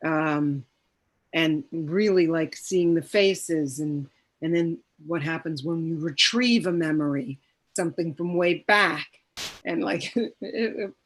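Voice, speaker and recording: A woman with a low-pitched voice reflects as an actor in a casual discussion. She speaks deliberately, pausing to search for her words.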